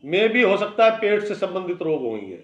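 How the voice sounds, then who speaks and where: A man's voice: high-pitched, very animated, normal speed, a bit bright. A man giving a daily horoscope as an astrologer, talking bluntly and warning listeners in a conversational, lecturing way. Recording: echoey room, dull lo-fi sound.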